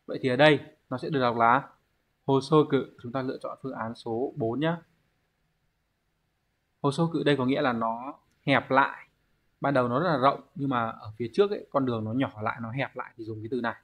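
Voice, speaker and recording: A man teaches an online exam-prep lesson. His pitch sits at an ordinary middle level as he patiently walks through each point and poses questions to the students before answering them himself. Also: steady tone, brisk, fairly bright tone. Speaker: Japanese language teacher.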